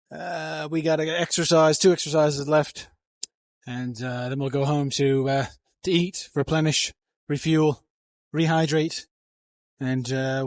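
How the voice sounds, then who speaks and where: A man's voice: on the high side, no echo. Man, gym vlogger, casual coaching ramble, winded between sets, handheld mic, dry sound. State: breathing hard between sets. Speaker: fitness vlogger. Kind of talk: casual gym vlog narration.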